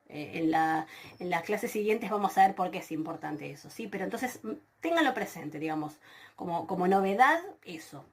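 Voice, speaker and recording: A woman giving a recorded grammar lesson over slides. She explains patiently, with frequent fillers and self-corrections. She slows down carefully whenever she spells out a form. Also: medium pitch. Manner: slows down to spell out Greek forms. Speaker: Greek teacher.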